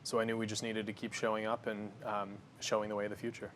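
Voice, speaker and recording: A man's voice: lowish voice, fast, a little hiss or hum. A man, a company founder, talking confidently through a cooking demo and interview in a studio kitchen. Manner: confident, energetic, explains as he works.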